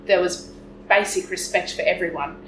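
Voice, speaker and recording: A woman's voice: on the low side, moderate pace. A 22-year-old woman, a podcast guest, speaking emphatically and forthrightly. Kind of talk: opinionated conversation. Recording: roomy with clear background noise.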